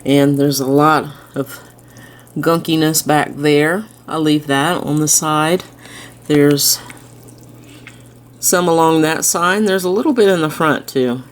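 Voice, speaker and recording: A woman's voice: sits low, takes it slowly, pauses often. A woman, chatting casually and fondly as she films her fish tanks at home. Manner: chatty, fond and relaxed narration. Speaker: aquarium vlogger. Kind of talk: casual chat. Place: indoors at home by a fish tank.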